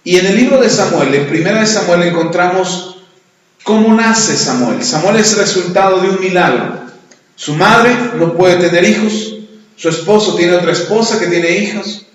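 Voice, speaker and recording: A pastor preaching a sermon, retelling a story and acting out both sides of the dialogue. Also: male voice, high-pitched, moderate pace. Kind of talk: sermon with retold anecdote. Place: church. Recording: echoey church hall, dull lo-fi sound.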